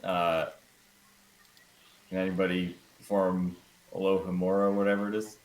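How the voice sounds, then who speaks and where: A man with a fairly low voice playing in a tabletop game. He talks casually, asking many questions of the game master. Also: little pitch movement, moderate pace, poor audio. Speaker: player.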